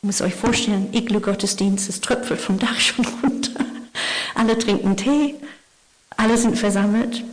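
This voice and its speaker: A woman preaching a Christmas sermon, telling stories and often dropping to a hushed whisper for emphasis. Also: mid-range voice, steady tone, moderate pace. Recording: long hall reverb.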